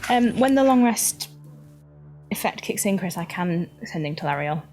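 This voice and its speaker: A woman's voice: medium pitch, expressive, moderate pace, a little mellow, faint music behind. A woman playing a tabletop role-playing game, talking in a giggly, rambling way with restarts. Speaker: player.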